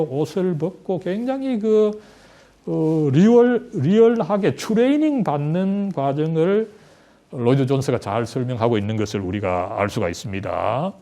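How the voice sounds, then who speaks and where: Lively, mellow-voiced Korean male teacher. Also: a little high. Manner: conversational, tag question after nearly every sentence. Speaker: Bible study teacher.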